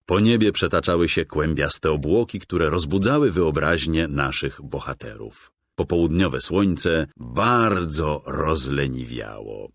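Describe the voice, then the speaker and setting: A man narrating a children's game story in a calm, gentle storytelling manner, recorded as a dry close studio voice-over. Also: rumbling low, a little slow, vocal fry.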